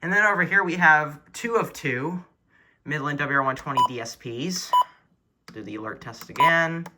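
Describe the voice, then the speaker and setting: The man's voice is fairly high and his speed normal. He is a weather radio collector chatting through a show-and-tell of his collection indoors at home as an eager hobbyist, behind a handheld camera and unseen. Faint noise and clicking buttons are in the recording.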